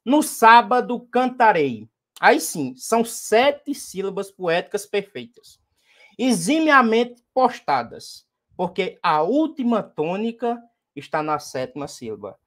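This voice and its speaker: A man's voice: sits high, sing-song, takes it slowly. A man with a Northeastern Brazilian accent, a poet teaching a workshop on verse meter and now and then declaiming verses with emphasis. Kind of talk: lecture on poetic meter.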